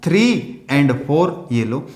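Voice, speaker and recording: High-voiced man teaching in an echoey room. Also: expressive, slow pace, a little mellow. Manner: asks questions and answers them himself; counts aloud while drawing. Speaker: science teacher. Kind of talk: classroom lecture.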